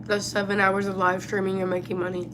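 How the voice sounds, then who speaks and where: A woman's voice: medium pitch, level tone, a little fast, background noise. A tired woman talking casually on a livestream while she eats, answering questions, her mouth sometimes full. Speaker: live streamer.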